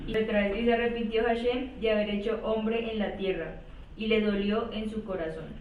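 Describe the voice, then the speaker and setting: A woman's voice: medium pitch, steady tone, normal speed. Woman, student reading verses aloud, small stumbles, distant, echoey, tinny.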